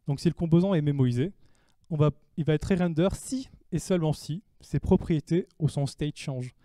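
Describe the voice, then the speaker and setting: Dark-voiced French tech speaker explaining code. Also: male voice, on the high side, normal speed, no echo. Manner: explanatory, asks and answers his own questions. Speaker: conference speaker. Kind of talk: technical talk on stage. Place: meetup room before an audience.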